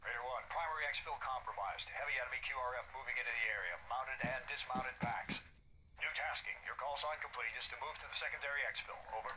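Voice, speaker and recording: A man's voice: medium pitch, fast talker. A man voicing a soldier giving clipped military reports over the radio, his voice broken by static bursts. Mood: tactical. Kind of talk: terse military radio chatter.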